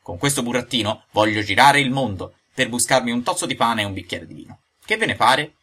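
A man voicing a hot-tempered old male woodcarver in a storybook reading, with high shrill outbursts and quick anger. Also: animated, slightly rough. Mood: eager. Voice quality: shrill, shouting.

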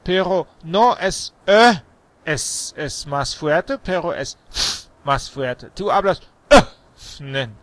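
A man tutoring German pronunciation, patiently correcting sounds and repeating words slowly. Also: on the high side, a bit bright, no echo. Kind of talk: pronunciation drill.

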